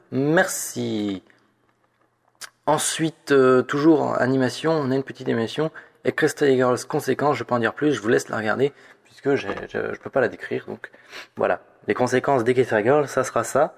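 A man's voice: mid-range voice, gravelly. Rambling man hosting fandom news. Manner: rambling, lots of hesitations and restarts; playfully mock-dramatic. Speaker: host of a weekly fandom news show. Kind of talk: casual news roundup.

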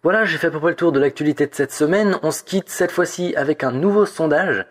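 A man's voice: on the high side, quick pace. A man hosting a weekly fandom news roundup, rambling along with frequent hesitations, restarts and playful mock drama.

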